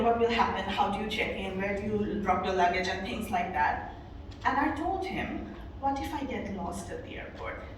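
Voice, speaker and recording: A Bangladeshi woman with a medium-pitched voice speaks as a guest at an event hall, giving a motivational talk. She tells stories earnestly and says "you know" often. The hall is echoey, her voice sounds distant, and there's a slight hiss or hum.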